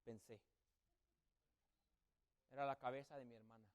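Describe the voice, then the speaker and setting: A man's voice: mid-range voice, fairly even intonation, normal speed, clean tone. A man preaching a sermon as a pastor, telling a story and acting out family members' voices. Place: church sanctuary.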